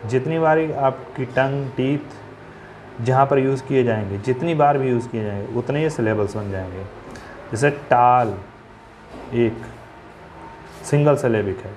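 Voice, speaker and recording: A man's voice: mid-range voice, measured pace, pauses often, darkish tone, a little hiss or hum. A man teaching a grammar lesson. He asks questions and answers them himself, and he spells words out letter by letter.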